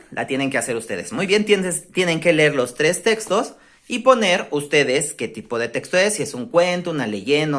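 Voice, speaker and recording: A Mexican woman teacher speaks in a low register, yet her pitch leaps and dips with constant animation. She explains step by step and keeps checking that the class is with her. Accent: Mexican Spanish. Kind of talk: online class lesson on grammar.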